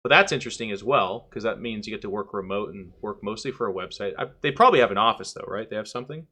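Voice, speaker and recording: Bright-voiced joking male podcast host. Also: fairly low pitch, quick pace. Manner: joking, chatty, loose rambling delivery. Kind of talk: casual podcast chat.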